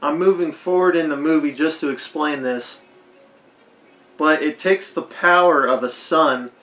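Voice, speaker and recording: A man with a hoarse, fading voice giving a rambling, unscripted movie commentary, leaning hard on "like". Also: on the high side, unhurried, fairly bright tone. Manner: rambling, heavy use of "like". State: hoarse, losing his voice. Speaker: film commentator. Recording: echoey roomy recording.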